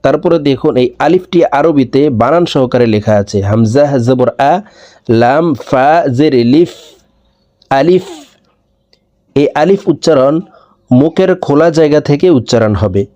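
A man's voice: mid-range voice, animated, normal speed, warm tone. A man teaching the Arabic letters, saying each one twice and then spelling and explaining it. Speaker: Quran teacher. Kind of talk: slow step-by-step recitation lesson.

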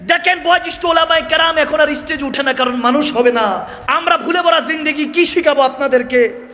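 A man's voice: very high voice, fairly quick, bright, forceful tone, a little hiss or hum. A man preaching an impassioned sermon, telling a story and breaking into long chanted verses and emotional cries. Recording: echoey hall with long reverb.

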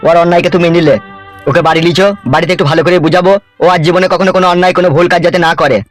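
A man's voice: high-pitched, flat delivery, rapid-fire, faint music behind, close to an everyday voice. A man voicing an older uncle who lectures and coaxes his family toward peace in a comedy cartoon. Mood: coaxing. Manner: coaxing, lecturing. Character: older uncle, calm peacemaking village elder.

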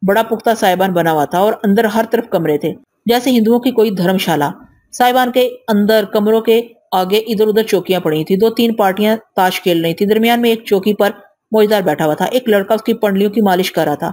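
A woman reading an audio novel aloud in first person, steady and measured. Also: mid-range voice.

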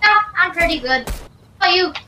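Brief: voice-changer kid put on by a gamer, pitch-shifted very high, chatty and innocent, a bit off-mic with light hiss. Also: expressive, normal speed, bright, forceful tone, far from the mic, heavily acted. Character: young kid gamer with a squeaky voice. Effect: pitch-shifting voice changer making a childlike voice. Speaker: gamer trolling strangers in voice chat. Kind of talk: casual game voice chat.

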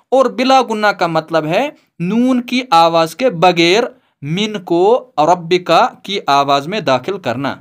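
A man's voice: high voice, fairly bright tone. A man teaching recitation rules, patiently explaining each step and then modelling the recited phrases.

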